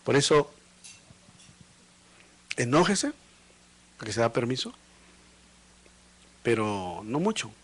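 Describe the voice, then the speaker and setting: A man preaching a sermon as pastor. He speaks to the congregation with rhetorical questions and swings between loud emphatic lines and low, quiet ones. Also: big pitch swings, slow, long pauses. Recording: livestream of a live church service.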